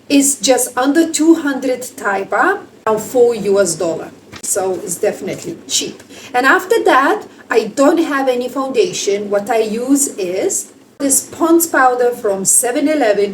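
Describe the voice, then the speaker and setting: A woman's voice: on the high side, far from the mic, slight background noise, poor audio. A woman in her forties from Lithuania, with a Lithuanian accent, chatting casually in a vlog in slightly broken English. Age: 40s. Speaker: vlogger.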